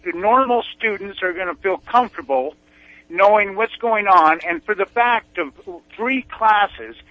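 Over a dry, muffled phone line with no room sound, a man with a high voice calls a talk show to comment. He talks a little slowly but with emphatic indignation, restating his objections again and again.

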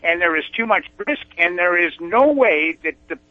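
A man's voice: high-pitched, animated, normal speed, no room sound. A man calling in over a phone line to a talk show, speaking emphatically and indignantly and repeating his objections. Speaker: caller. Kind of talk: call-in comment to a talk show. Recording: dull, dry phone line.

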